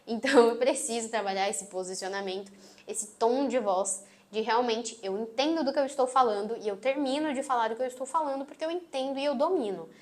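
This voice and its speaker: A woman with a Brazilian accent and a sweet, gentle voice, teaching an online course lesson and closing her phrases firmly. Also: on the high side, brisk. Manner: emphatic, closes phrases firmly. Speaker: marketing instructor. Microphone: phone on tripod.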